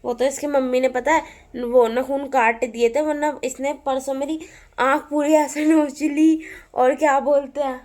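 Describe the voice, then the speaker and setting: A woman's voice: sits high, steady tone, unhurried, darkish tone. Chatty young woman vlogging at home. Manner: chatty, rambling storytelling, coos to a baby in between. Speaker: family vlogger. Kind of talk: casual family vlog chat. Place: family home.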